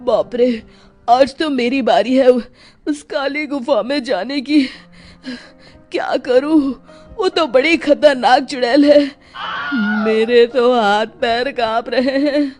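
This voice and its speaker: A woman's voice: sits high, takes it slowly, darkish tone, soft background music, voice pushed up. A woman voicing a timid, panicky village farmer who whimpers and laments, in a comic audio story. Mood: fearful.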